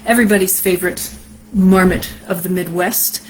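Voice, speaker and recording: A woman host and storyteller with a deep, sultry voice, chatting casually on a live stream in a rambling way. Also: steady tone, normal speed, poor audio. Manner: chatty and rambling, many fillers.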